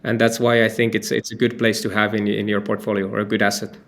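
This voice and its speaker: A man's voice: lowish voice, level tone, fast talker, fairly bright tone. A man from Finland, a company founder giving loose, talkative answers in an interview, with many fillers and restarts. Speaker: company founder and CEO, guest.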